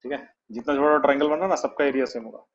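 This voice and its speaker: A man's voice: mid-range voice, fast. Male math tutor, patient step-by-step delivery, lo-fi online-class sound. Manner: explains step by step, adds "है ना?" to check understanding. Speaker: math teacher. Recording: dull lo-fi online class audio.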